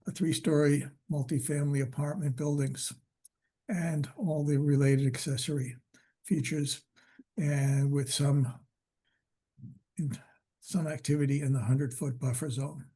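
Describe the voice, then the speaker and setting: A man chairing a public commission meeting by video call, talking in a halting way with many fillers, his voice worn from losing it. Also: on the high side, mellow.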